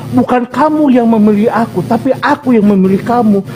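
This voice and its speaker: A man's voice: extremely high pitch, brisk. A man who works as a lawyer, explaining his faith earnestly with hesitations and restarts in a voice-chat debate. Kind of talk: casual argument in voice chat.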